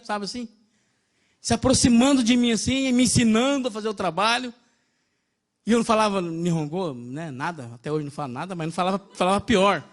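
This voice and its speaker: A man with a Brazilian accent preaching a sermon in a conversational, storytelling way, often addressing listeners as brother. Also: very high voice. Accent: Brazilian Portuguese. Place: church in Japan.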